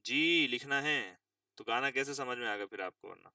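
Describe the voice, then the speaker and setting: Bright-voiced male English tutor, far from mic. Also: mid-range voice, lively intonation, no echo. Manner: slow drawn-out reading of English phrases, spells words aloud. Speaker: English teacher. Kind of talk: vocabulary lesson explaining English news words.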